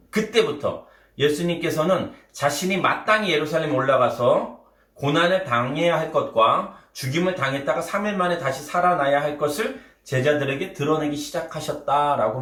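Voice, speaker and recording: A man's voice: a little high, a bit bright, recorded from a distance. A man preaching a sermon as pastor, dramatic, acting out the voices of Bible figures with fervor. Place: church sanctuary. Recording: roomy, from the mic.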